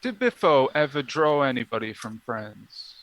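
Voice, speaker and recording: A man's voice: mid-range voice, sing-song, moderate pace, a bit bright, muffled recording. A man co-hosting a casual live stream, chatting while searching for things aloud. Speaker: streamer co-host.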